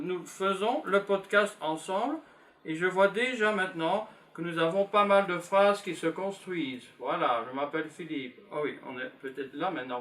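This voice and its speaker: A Belgian man in his fifties teaches beginners French in a classroom, his high voice bright and forceful. Patient and unhurried, he repeats simple phrases while writing them down.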